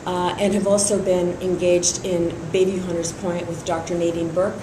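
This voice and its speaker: Speaking at a normal speed with a flat delivery, a middle-aged woman whose voice sits on the low side talks steadily and uses many fillers. She is from Iran, grew up in San Francisco, and is a district attorney candidate in an endorsement interview. The room sounds roomy, and the background is noisy.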